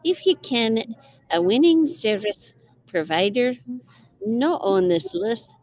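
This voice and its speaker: Woman doing a Scottish letter-reader, lilting, sing-song, higher than her own voice. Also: big pitch swings, slow, darkish tone, rough recording. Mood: playful. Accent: put-on Scottish. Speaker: realtor guest. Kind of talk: reading aloud in a put-on accent.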